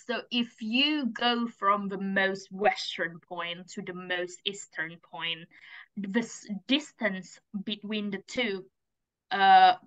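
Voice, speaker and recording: A woman's voice: medium pitch, rough recording. A woman in her thirties from Indonesia, chatting animatedly as an interview guest over a video call from home. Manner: animated, gestures with her hands while explaining. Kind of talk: casual interview chat. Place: home room with bookshelves. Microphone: video call webcam.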